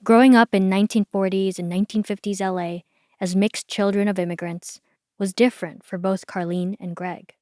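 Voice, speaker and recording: A woman hosting a podcast, reading a scripted documentary narration in a measured, explanatory way. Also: medium pitch, steady tone, a little mellow, no room sound, studio quality. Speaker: podcast host.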